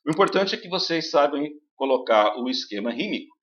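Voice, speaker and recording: A man's voice: fairly high pitch, expressive, fairly quick, a bit bright, highs cut off. A man teaching a recorded video lesson, explaining step by step and putting questions to his students. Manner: explains step by step, asks the class questions, many fillers like "né" and "então".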